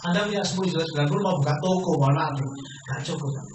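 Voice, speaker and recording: Persuasive high-voiced man in echoey hall. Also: rapid-fire, distant mic, slight background noise. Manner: persuasive, keeps addressing listeners as sir and quizzing them. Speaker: business opportunity presenter. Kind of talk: sales seminar pitch to an audience.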